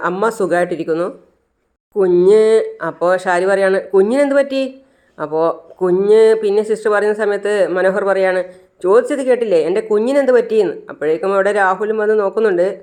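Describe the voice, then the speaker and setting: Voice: medium pitch, smooth. A vlogger casually retelling a TV serial episode, quoting the characters' lines with many "aa" fillers and restarts. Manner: retells scenes with quoted dialogue, frequent "aa" fillers and restarts. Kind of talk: casual story recap narration.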